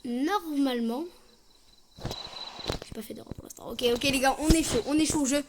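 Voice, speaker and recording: A woman's voice: sits high, normal speed. A young woman doing casual, slangy commentary on a horror game, chatting to her viewers. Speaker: gaming streamer. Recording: noisy home gaming mic.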